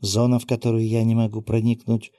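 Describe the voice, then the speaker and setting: A man's voice: on the low side, completely flat delivery, fairly quick, warm tone, dry recording, lightly acted. Man reading an urgent female guardian spirit. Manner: urgent reports. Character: female magical guardian spirit, alert scout.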